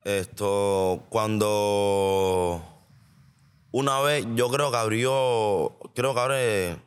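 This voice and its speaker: A man's voice: on the low side, very slow, clear, resonant tone. A man guest on a podcast, telling stories in casual chat, rambling and restarting as he goes. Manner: rambling, animated storytelling with many restarts. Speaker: guest artist.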